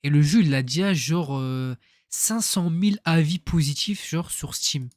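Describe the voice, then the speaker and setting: A man making casual, spontaneous streamer commentary in short, halting, slangy remarks. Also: fairly high pitch, a little mellow, no room sound, clean studio sound. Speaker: reaction video streamer.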